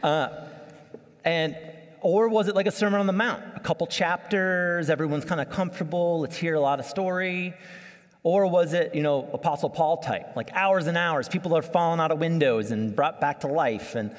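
A man in his thirties preaching a sermon from a church sanctuary, conversational and animated, acting out little scenes as he walks the stage. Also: on the high side, normal speed. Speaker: pastor. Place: church sanctuary, large room. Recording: long church hall reverb.

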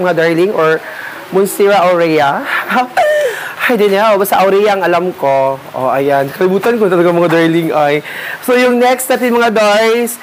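A man's voice: sits high, a little hiss or hum. A man gives a casual, rambling tour of his home garden and keeps calling his viewers darling. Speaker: gardening vlogger. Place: home garden, partly outdoors.

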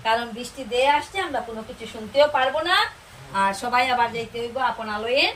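A woman preaching on scripture and leading devotional chants, drawn-out and emphatic. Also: a little high, a bit bright. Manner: slow, drawn-out recitation with rising emphasis. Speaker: Gita preacher. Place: outdoor gathering. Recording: distant mic with clear background noise.

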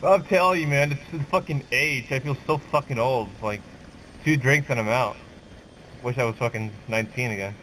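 A man's voice: medium pitch, normal speed, pushed and bright, slight background noise, poor audio. A drunk man swearing freely in casual game voice chat over a headset. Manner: loose, swears constantly. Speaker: gamer in squad voice chat.

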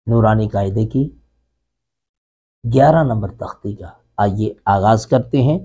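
A middle-aged man with a Pakistani Urdu accent teaching Quran reading in an online lesson, stretching out letters and syllables slowly, then explaining quickly. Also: mid-range voice, warm tone, slightly rough. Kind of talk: online lesson, spelling out Arabic letters and sounds.

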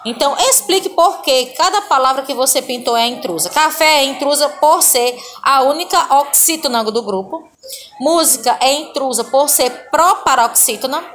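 A woman's voice: sits high, normal speed, fairly bright tone, slight background noise. A Brazilian woman teaching a recorded primary school Portuguese class. She reads word lists aloud patiently and keeps checking in with her pupils. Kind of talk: recorded online class walkthrough.

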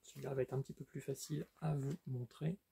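A man's voice: mid-range voice, level tone, fast, vocal fry, warm tone, husky. A man casually showing his book collection in a vlog, talking with lots of fillers and restarts. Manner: hesitant, many fillers and restarts. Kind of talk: casual unboxing vlog chat.

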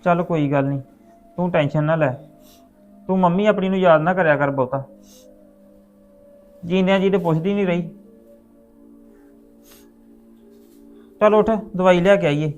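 A man playing a caring widowed father who talks to his daughter in a gentle, coaxing way in a web series drama. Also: high-pitched, a little fast, pauses often, highs cut off, soft background music, natural voice. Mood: consoling.

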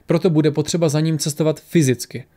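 A man's voice: a little high, steady tone, dark tone, natural voice. A man voicing a stern, fed-up male traveler who lectures others in an audiobook.

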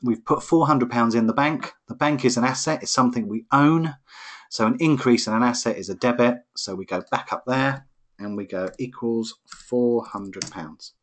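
A man's voice: medium pitch, moderate pace. A man tutoring accounting in a live online lesson, explaining each step patiently over a computer microphone. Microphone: computer microphone on a webinar.

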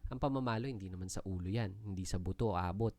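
A Filipino man with a Filipino accent gives an earnest, polite Bible teaching in a mix of Tagalog and English, frequently using "po" and "no?". His voice is low and dark, his pace quick, and the recording has no echo.

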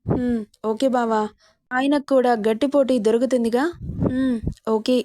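A woman's voice: on the high side, fairly even intonation, normal speed, mellow, no echo, close to an everyday voice. A woman voicing a young wife who coaxes and sulks at her husband in a storybook romance, in a dry, close recording. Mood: worried. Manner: coaxing, sulky pleading. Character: young wife, pleading and teasing.

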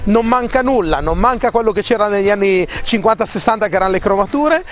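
A man's voice: sits high, expressive, fast. A man in his fifties presenting a classic car, talking with passion in a chatty, rambling way. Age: 50s. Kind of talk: enthusiastic on-site car commentary.

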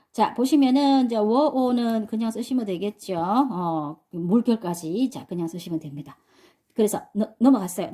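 A woman teaches English pronunciation to adult learners, explaining step by step and often asking the class questions. She is patient and repeats herself. Her voice is fairly high with a dark tone.

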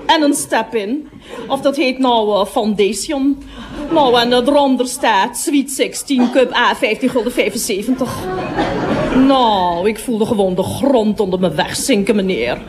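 A woman's voice: a little high, a little slow, crowd noise, natural voice. An actress playing a gossipy middle-aged woman toilet attendant in a radio comedy monologue, chattering on and breaking off to speak to customers.

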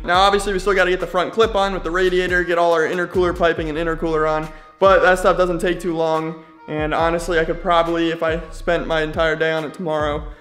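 A man casually vlogging a car build from his home garage, laid-back and slangy, thinking aloud with easy fillers. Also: on the high side. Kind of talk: casual chat to camera.

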